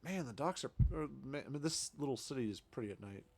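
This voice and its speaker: A man streams a video game, talking fast and animatedly in a mid-range voice. He chats casually and rambles to himself as he plays, full of fillers.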